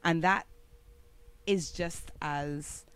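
A woman from Barbados with a Barbadian accent, a podcast guest explaining at length in casual conversation, often laughing and getting animated. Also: deep voice, very slow, clean tone, dry recording.

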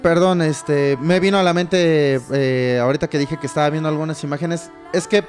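Here a man with a fairly high pitch and steady tone speaks at normal speed while soft music plays. He's co-hosting a podcast, chatting in relaxed, slangy Mexican Spanish and repeating "güey" constantly.

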